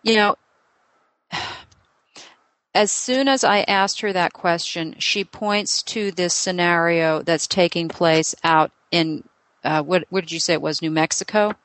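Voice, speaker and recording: A woman's voice on the low side, a bit bright, with no room sound, belongs to a psychic medium in a live reading with a client. She asks question after question in quick succession, thinking aloud and using lots of fillers.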